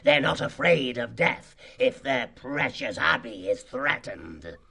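Man acting cunning fox gang boss, cruel, gravelly and husky, unhurried, sarcastic, menacing, boastful, audiobook drama. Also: mid-range voice, very animated, bright, forceful tone, full character voice. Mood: scornful.

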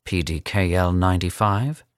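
A man voicing a suave, cold and amused older captor in a slow, condescending manner. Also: deep voice, no room sound, clean studio sound, close to an everyday voice. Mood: calm, menacing. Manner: smooth, unhurried and condescending.

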